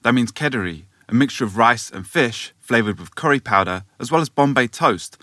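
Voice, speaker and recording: A man from England hosting a podcast, narrating in a measured, explanatory way. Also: medium pitch, lively intonation, bright, forceful tone, no room sound. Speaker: podcast host. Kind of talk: scripted narration.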